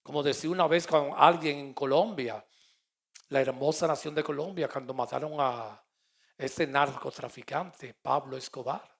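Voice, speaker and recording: A middle-aged man with a Puerto Rican accent, a pastor preaching a sermon and telling stories, moving between loud and soft. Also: mid-range voice, normal speed, gravelly. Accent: Puerto Rican Spanish. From Puerto Rico. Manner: storytelling with quoted dialogue, swings between loud and soft.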